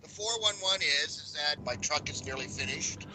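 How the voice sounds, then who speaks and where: A man's voice: on the high side, a little fast, pushed and bright, slight background noise. A man joining a casual chat online, joking and laughing easily, his voice tinny as if talking inside a tin can through a poor microphone. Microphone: poor computer microphone over an online call.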